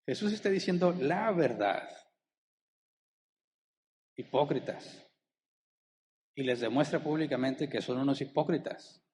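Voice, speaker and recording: A male pastor preaching a sermon. He keeps asking the congregation rhetorical questions and slows down to stress the key words. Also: on the high side, animated, a little mellow, long reverb tail, a little hiss or hum. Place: church hall.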